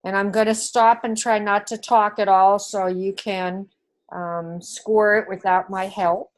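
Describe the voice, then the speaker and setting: Using a level, mid-range voice, a New Zealand-accented teacher guides an online class through how a test is scored. She goes slowly and methodically, step by step.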